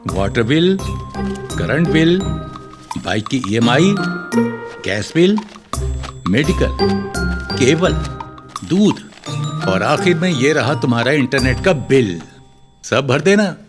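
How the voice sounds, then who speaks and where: A polite, eager middle-aged father in a dubbed film. His voice sits at a middling pitch. Film music plays under the dialogue. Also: sing-song, takes it slowly, long pauses. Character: middle-aged father returning to college, cheerful. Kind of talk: Hindi film dub.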